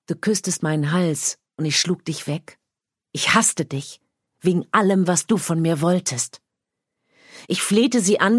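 A woman narrating a first-person literary story in a quiet, measured, intimate reading. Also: fairly low pitch, no echo, studio quality. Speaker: audiobook narrator.

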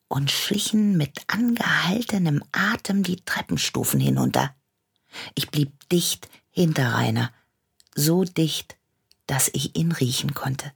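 A woman's voice: low-pitched, breathy edge. A woman reading a story aloud in an intimate manner, often dropping into a whisper. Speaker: story reader. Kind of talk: storytelling narration.

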